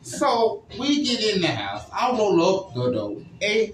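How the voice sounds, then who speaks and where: A man swaps crude, joking stories in a loose podcast chat, his voice landing in a roomy, echoing space. Music plays clearly underneath him, and he keeps checking in with his listener. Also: sits high, huge pitch swings, a little slow, recorded from a distance. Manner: crude, joking, keeps asking "you know what I mean?". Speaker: podcast host. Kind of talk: casual storytelling chat. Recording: roomy echo with music behind.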